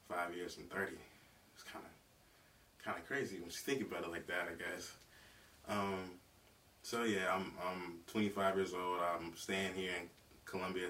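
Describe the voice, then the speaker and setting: A young man from South Carolina talks alone on his podcast, easygoing and rambling, full of fillers and slang. His voice sits low and stays flat. He sounds a little far from the mic, with faint noise behind him. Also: moderate pace. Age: 20s. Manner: laid-back, rambling, lots of fillers and slang. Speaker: podcast host. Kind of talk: casual solo podcast talk.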